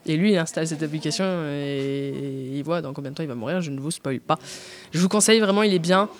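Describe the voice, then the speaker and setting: A woman's voice: deep voice, fast talker, slight background noise. A woman chatting casually as an interview guest, hesitant, with many fillers and restarts. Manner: tacks on "and so on" often. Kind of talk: casual chat.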